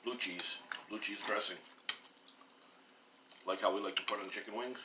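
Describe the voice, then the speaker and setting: A man's voice: on the low side, steady tone, moderate pace. Man talking with a full mouth. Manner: easygoing, chatty explaining. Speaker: mukbang host. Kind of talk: casual eating chat. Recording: echoey room with background noise.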